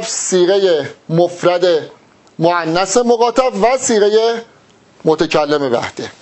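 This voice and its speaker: A man teaching an exam-prep grammar lesson in a classroom, asking questions and answering them himself as he explains step by step. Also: sits high. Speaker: Arabic teacher.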